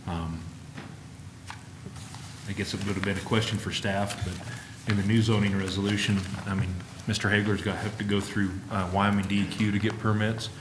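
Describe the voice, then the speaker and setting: A man speaks formally at a public meeting in a flat, fairly low voice. His delivery is halting. The room rings with clear echo around him. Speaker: planning commission member. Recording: echoey room, faint background noise.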